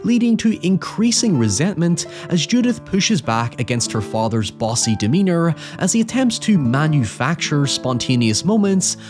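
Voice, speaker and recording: A man narrates a scripted video essay as its host, speaking in an articulate, analytical way with the occasional wry aside. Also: medium pitch. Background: background music with guitar.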